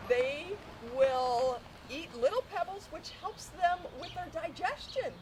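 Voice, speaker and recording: A woman's voice: extremely high pitch, lively intonation, takes it slowly, crowd noise. A woman explaining things simply and informally as a farm educator in a casual interview.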